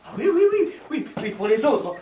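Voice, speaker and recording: A man's voice: very high-pitched, very animated, moderate pace, mellow, a little hiss or hum. A man playing a stammering, lovesick suitor on the phone. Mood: pleading. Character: lovesick man pleading with his lover by phone. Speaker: stage actor. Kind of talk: live theatre comedy. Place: small theatre stage. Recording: echoey stage recording from far off.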